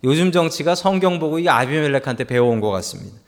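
A man's voice: fairly high pitch, very animated, fast, long reverb tail. A man, a pastor, preaching a Sunday sermon and retelling a Bible story to his congregation, voicing its figures and calling out to the listeners. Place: church sanctuary.

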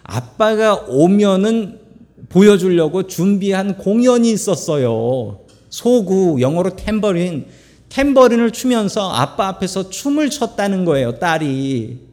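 A middle-aged man preaching a sermon, telling stories with humorous asides in an animated way, recorded in a church sanctuary. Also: high voice, unhurried. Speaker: pastor. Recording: long church hall reverb.

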